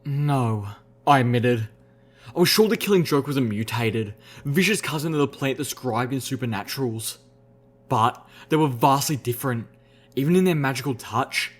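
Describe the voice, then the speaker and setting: A young adult man reading a story aloud as an audiobook narrator, steady and expressive. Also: medium pitch, normal speed. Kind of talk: scripted narration.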